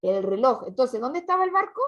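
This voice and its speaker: A woman's voice: high-pitched, sing-song, brisk. A woman, teaching a class patiently, asking questions and repeating students' answers. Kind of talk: online class lesson. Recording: dull lo-fi recording.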